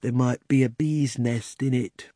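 Man doing a slow, dull-voiced bear. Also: mid-range voice, fairly even intonation, no echo, clean studio sound, close to an everyday voice. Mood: plodding. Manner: slow and soft. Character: slow, plodding male bears.

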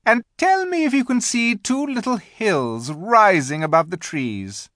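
A reader voicing an imperious, scheming witch queen from a children's storybook, sweet-talking in grand, drawn-out phrases. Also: mid-range voice, big pitch swings, a bit bright, no echo, studio quality, pitched above the performer's own voice. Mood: commanding, coaxing.

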